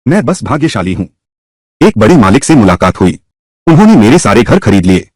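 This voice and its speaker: A man dubs a whole drama alone, voicing each role in turn. His voice is husky and his pitch swings widely between characters. The recording is dry and close. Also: sing-song, fairly quick, a little mellow, no echo. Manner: voices every character himself with shifting pitch. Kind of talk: single-voice dub of a drama.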